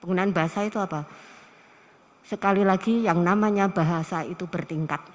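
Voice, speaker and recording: Lively Javanese-accented woman lecturing in a hall. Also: lowish voice, fairly quick. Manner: lively, asks the audience rhetorical questions. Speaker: university lecturer. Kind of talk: classroom lecture. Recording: long hall reverb.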